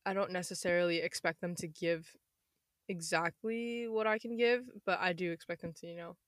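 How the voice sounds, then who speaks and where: A twenty-year-old woman with a slightly hoarse voice, chatting casually in a rambling, self-interrupting way. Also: lowish voice, fairly even intonation, normal speed, dry recording, clean studio sound. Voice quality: slightly hoarse, losing her voice. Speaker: podcast host. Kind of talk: casual chat.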